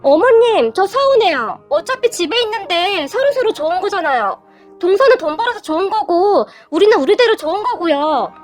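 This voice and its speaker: A shameless sister-in-law argues brazenly and whines about being wronged, as a woman reader voices her. The voice is very high and animated. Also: normal speed, soft background music. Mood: brazen, aggrieved. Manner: brazen, whining.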